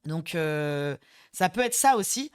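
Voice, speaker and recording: A woman's voice: low-pitched, animated, slow pace, clear, resonant tone. A woman co-hosting a webinar, explaining things in a chatty, teasing way. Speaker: co-host of a company webinar. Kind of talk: casual webinar chat.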